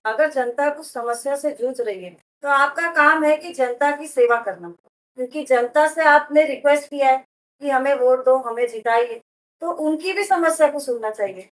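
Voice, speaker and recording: A woman's voice: sits high, fairly bright tone, rough recording. A woman running for local office, answering an interviewer earnestly and making promises. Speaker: election candidate.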